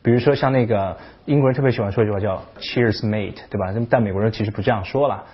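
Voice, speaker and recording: A man hosting a casual video lesson on English, talking in an animated way and breaking off to imitate accents. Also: on the low side, fast, slightly rough, lo-fi sound. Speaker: English teacher, channel host.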